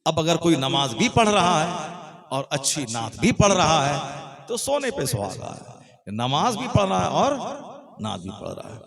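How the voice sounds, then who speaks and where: A man's voice: a little high, gravelly. A man preaching a sermon at a public gathering, in words, asking the listeners questions and driving points home repeated lists. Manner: rhetorical questions to the crowd, repetitive emphatic lists. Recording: live crowd audible behind the voice.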